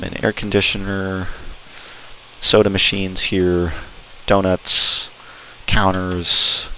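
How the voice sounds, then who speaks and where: A man's voice: low voice, bright, forceful tone, low-quality recording. A man giving an enthusiastic, informal walkthrough commentary as host of a gameplay video. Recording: clear background noise.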